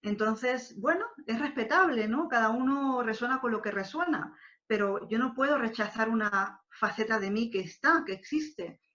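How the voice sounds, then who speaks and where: A woman guest on a podcast talks reflectively about herself, often pausing to find her words. Her voice sits a little high. The audio is slightly muffled and lo-fi. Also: fairly bright tone. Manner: thoughtful, hesitant, many fillers. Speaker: interview guest, wedding planner. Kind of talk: reflective conversation.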